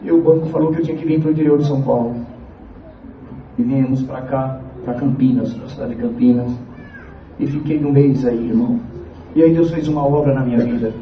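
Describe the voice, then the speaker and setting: Man, church testimony, earnest, halting, muffled, faint background noise. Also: mid-range voice, steady tone. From Piauí, Brazil. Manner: earnest, halting storytelling, repeats phrases, addresses the brethren. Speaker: church member giving a testimony. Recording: echoey, distant, dull church recording.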